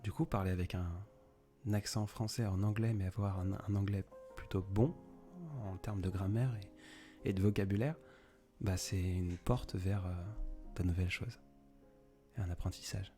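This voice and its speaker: Low-voiced young man chatting on a live stream. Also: fairly even intonation, moderate pace, warm tone, soft background music. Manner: rambling, improvised, talks straight to viewers by name. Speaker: poet and live-stream host. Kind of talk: casual live-stream chat answering viewer comments.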